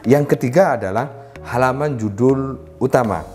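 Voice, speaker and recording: A man giving a lesson on writing, walking through points one by one and addressing his listeners politely as ladies and gentlemen. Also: medium pitch, normal speed. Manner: addresses listeners as "Bapak Ibu", lists points step by step. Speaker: writing instructor. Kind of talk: explanatory lesson. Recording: faint background music.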